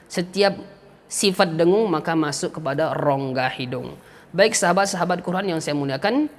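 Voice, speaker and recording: A man teaching a tajwid lesson, going through the points one by one and explaining each Arabic term in plain words. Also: on the high side. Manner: stretches out letter sounds slowly when demonstrating. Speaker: Quran recitation teacher.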